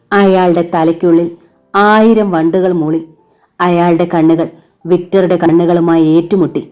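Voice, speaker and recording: A woman narrating a crime thriller novel in a dramatic, measured reading. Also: lowish voice, mellow. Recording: dull lo-fi recording with faint music.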